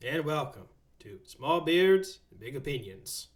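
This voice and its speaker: A man hamming up a country western singer welcoming listeners in a showman way. His voice is fairly high and swings widely. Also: sing-song, a little slow. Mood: showy.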